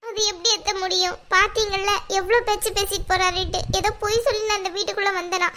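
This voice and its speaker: A woman's voice: extremely high pitch, little pitch movement, fast talker, bright, forceful tone, slight background noise. Poomari, anxious young cartoon wife voiced by a woman. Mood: pleading. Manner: anxious, pleading. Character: worried young wife, tearful and pleading. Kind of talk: cartoon voice acting.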